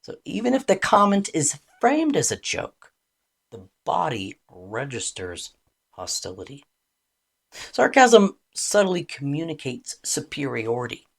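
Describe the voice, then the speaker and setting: A woman relationship coach giving a calm, deliberate educational talk, explaining with expressive emphasis. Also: low-pitched, creaky, slightly rough.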